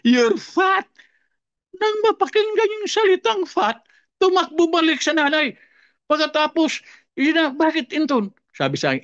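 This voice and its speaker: Guest pastor, male, lively sermon delivery with wide pitch swings, dull dry recording. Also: dry recording. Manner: animated preaching, dropping low for scripture and rising high for stories.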